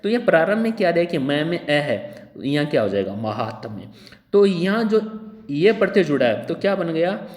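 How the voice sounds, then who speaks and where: A man teaching Hindi grammar for exam preparation, repeating wrong and right spellings one after another and often clearing his throat. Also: fairly high pitch, sing-song, moderate pace, a little mellow. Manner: drills by repeating the wrong and right word forms. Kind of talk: exam-prep spelling lesson at a board. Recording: echoey room with long reverb.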